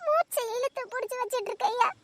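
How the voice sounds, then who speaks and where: A woman's voice: very high voice, fairly quick, fairly bright tone, dry recording. A woman voicing a desperate young woman who tearfully and insistently begs her lover to marry her, in an audio drama. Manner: pleading, tearful, insistent repetition.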